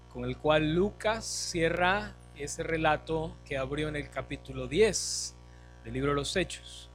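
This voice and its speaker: A man, a pastor, leading a church service, reading scripture aloud to the congregation in a solemn, measured way and praying. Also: fairly high pitch, a bit bright. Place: church sanctuary.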